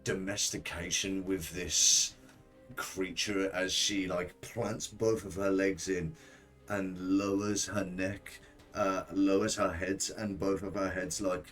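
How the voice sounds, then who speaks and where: A man acting as game master, narrating a tabletop role-play game in halting, searching descriptions. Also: sits low, little pitch movement, a bit bright, faint music behind.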